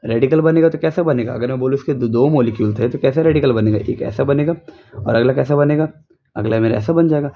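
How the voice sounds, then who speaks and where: A man's voice: mid-range voice, fast talker, dark tone. A young man teaching a chemistry lesson at home, repeating steps and asking rhetorical questions as he goes. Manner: repetitive, drills students with rhetorical questions. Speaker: chemistry tutor. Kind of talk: casual recorded lesson.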